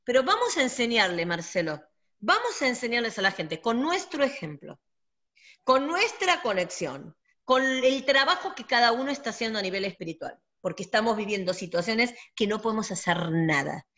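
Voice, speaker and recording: A woman co-hosting a radio talk, telling stories in an emphatic, animated way. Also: fairly high pitch, normal speed. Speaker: doctor and radio co-host. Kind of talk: casual spiritual talk. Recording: dull lo-fi audio.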